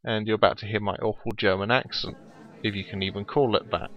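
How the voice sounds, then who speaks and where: A man's voice: on the low side, fairly even intonation, quick pace, lo-fi sound. Chatty man narrating his gameplay. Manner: chatty, explanatory, self-deprecating. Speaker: let's play commentator. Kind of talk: casual gameplay commentary.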